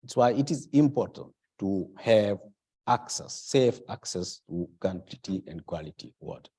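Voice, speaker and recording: A man from Senegal speaking on a conference panel, halting at times as he searches for words and stressing his key points. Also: fairly low pitch, lively intonation, mellow, husky.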